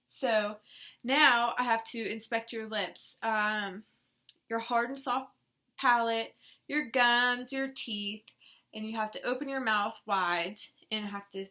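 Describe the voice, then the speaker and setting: A woman with a bright, slightly high voice walks a patient through a clinical exam. She explains each step informally and gives simple, direct instructions as she goes. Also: steady tone, slow pace. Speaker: examiner demonstrating a nursing head assessment on a patient. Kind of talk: spoken clinical exam demonstration with casual instructions.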